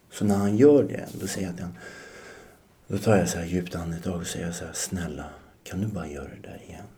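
A man's voice: fairly low pitch, dark tone. A man in his forties, a podcast guest telling his life story in a reflective way, often hesitating. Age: 40s. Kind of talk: personal storytelling.

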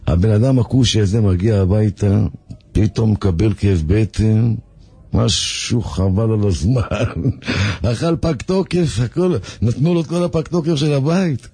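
A man telling a story on the radio in a lively, animated way, repeating words for effect. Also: mid-range voice, husky, dry recording.

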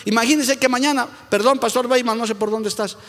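A man's voice: extremely high pitch, fairly even intonation, brisk, a bit bright, big-room sound. A Bolivian man with a Bolivian accent, preaching a sermon as pastor, emphatic and constantly calling listeners brother.

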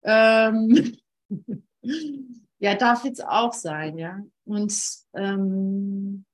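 A woman leading an informal spiritual teaching session, talking earnestly and emphatically, often repeating phrases and pausing. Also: mid-range voice.

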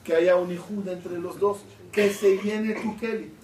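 A man's voice: sits high, fairly even intonation, measured pace, a little mellow. A middle-aged man, a rabbi, teaching a Torah class and quizzing his students with questions as he goes. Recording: echoey room, mic at a distance, faint hiss.

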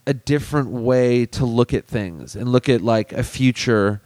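This man talks in a loose, rambling way, full of "like" and restarts as he recalls things. His voice is smooth and resonant, and the recording is close and dry with no room sound. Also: mid-range voice, unhurried, a little mellow, dry recording. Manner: rambling, filler-heavy storytelling. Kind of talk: casual chat.

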